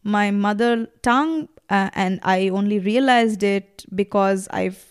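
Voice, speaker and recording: On a podcast, a thirties-aged guest whose mother tongue is Bangla talks casually, reflectively and passionately, with plenty of fillers. She has a mid-range voice that is clear and resonant, at a measured pace.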